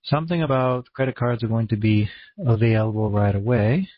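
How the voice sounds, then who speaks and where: Man, Maine accent, low-pitched husky voice, casual folksy small talk, muffled dry audio. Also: brisk, no echo. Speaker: conference call host. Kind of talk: casual, rambling online presentation. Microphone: online conference room call.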